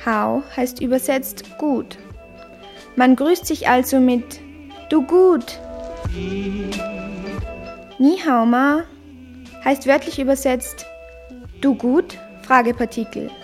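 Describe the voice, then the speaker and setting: A woman giving an explanatory language lesson, deliberately sounding out syllables and tones. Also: sits high, a little mellow, faint music behind. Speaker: language teacher.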